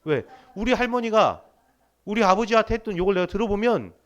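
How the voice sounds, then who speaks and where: A man's voice: sits high, animated, a little fast, lo-fi sound. A middle-aged man preaching a sermon in church, emphatic and humorous, while sick with body aches. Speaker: pastor. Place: church sanctuary.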